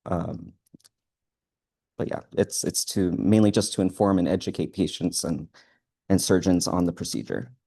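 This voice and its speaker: A man giving a student presentation in front of a live audience, speaking in a halting, hesitant way. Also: low-pitched, fairly even intonation, gravelly, mellow, slightly rough.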